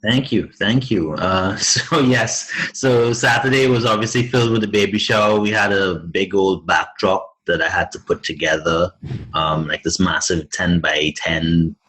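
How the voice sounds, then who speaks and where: A man's voice: low voice, steady tone, measured pace, fairly bright tone, husky, low-quality recording. A young man from Trinidad and Tobago, a podcast guest chatting casually, with many fillers, restarts and easy laughs. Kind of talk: casual interview chat.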